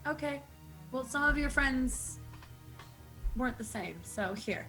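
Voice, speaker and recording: A woman's voice: high-pitched, measured pace, fairly bright tone, soft background music, rough recording. A woman playing a tabletop game, trading casual banter in a blunt, needling way.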